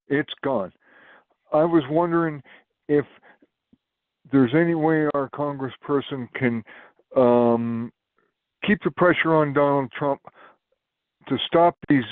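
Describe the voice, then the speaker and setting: A man's voice: on the high side, slow, long pauses. A man calling in to a town hall, talking bluntly and casually. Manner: blunt, conversational. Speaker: caller. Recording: phone line.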